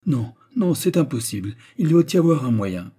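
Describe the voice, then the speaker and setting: A man voicing an excitable, greedy young gentleman in a read-aloud classic story, exclaiming dramatically. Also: medium pitch, normal speed, breathy edge, pitched above the performer's own voice. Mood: eager.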